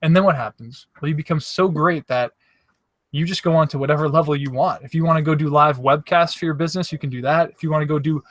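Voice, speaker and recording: A man speaking fast in a fairly high voice hosts a live show from a campsite, with no echo on the audio. He talks straight to viewers in a casual, upbeat motivational style, encouraging and coaching them on making videos.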